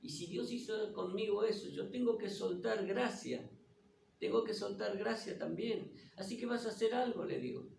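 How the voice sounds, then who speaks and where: Preacher with in echoey room. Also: male voice, sits high, normal speed, creaky, darkish tone. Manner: retells dialogue with questions and repetition. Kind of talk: sermon with personal testimony. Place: church. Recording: distant, echoey room with faint noise.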